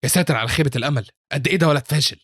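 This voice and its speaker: A man's voice: a little high, rapid-fire, fairly bright tone, slightly rough, no room sound, studio quality, pitched above the performer's own voice. A man with an Egyptian Arabic accent voicing a harsh, angry male academy teacher who barks out scorn. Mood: scornful. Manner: scornful, barking.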